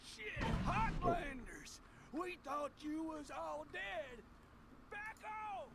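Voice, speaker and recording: An actor playing a panicky, hostile gang thug in a video game, yelling. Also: male voice, very high-pitched, very slow, vocal fry, very noisy, exaggerated voice. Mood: panicked, threatening. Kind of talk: video game character acting.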